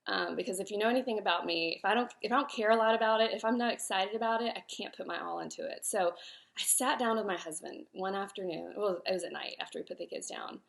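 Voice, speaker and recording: A woman's voice: mid-range voice, quick pace, creaky. A woman in her thirties, an author and host, talks live about her life and work, emotional and close to tears at times, with many fillers and self-corrections. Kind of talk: live-streamed personal talk.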